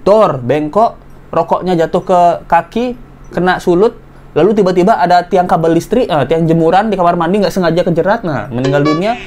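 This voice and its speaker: A man hosting an online commentary, reading messages aloud in a lively, exclaiming way, his voice jumping up and down. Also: high-pitched. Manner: animated, exclaiming, voice jumps up and down. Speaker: commentary host.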